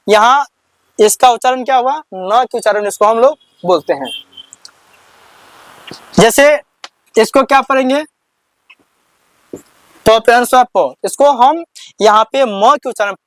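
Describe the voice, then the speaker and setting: A high-voiced man teaches the alphabet like a classroom lesson, asking "what will we read?" and answering it himself. The sound is close and completely dry, with no room echo. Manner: repeats questions back to students, counts slowly. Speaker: Hindi teacher. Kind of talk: slow classroom explanation.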